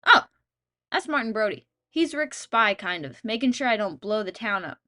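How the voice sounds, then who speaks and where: A woman's voice: medium pitch, expressive, normal speed, pushed and bright. A woman narrating a comedic game video in a wry, playful, self-mocking way.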